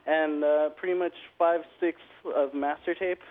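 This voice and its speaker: A man's voice: on the high side, moderate pace, slight background noise. Man on a tinny phone line. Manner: relaxed, filler-heavy talk. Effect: heard over a phone line. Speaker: band member calling in. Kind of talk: casual phone chat.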